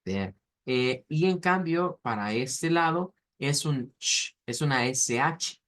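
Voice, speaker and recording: A man's voice: medium pitch, lively intonation, slow pace, a bit bright. Man explaining pronunciation in a class, many fillers. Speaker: language teacher. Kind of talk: online class lecture.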